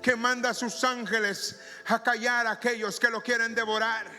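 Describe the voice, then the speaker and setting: A male pastor preaching a sermon in a church, slow and emphatic, drawing out his phrases. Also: very high voice, little pitch movement, bright, forceful tone. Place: church sanctuary. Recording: reverberant church hall with music behind.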